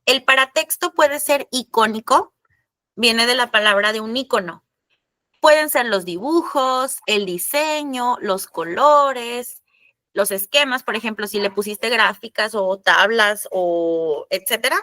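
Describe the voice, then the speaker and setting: A woman's voice: on the high side, a little slow, sharp tone, dry recording. A woman teacher, explaining a lesson in an online class, chatty and addressing the students directly.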